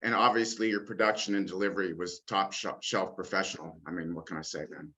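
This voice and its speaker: A man's voice: low-pitched, fairly even intonation, fast, sharp tone. A man giving effusive feedback to another guest on a video call, with loose fillers. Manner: effusive, uses filler like "I mean, come on". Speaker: guest musician. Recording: dull lo-fi call audio.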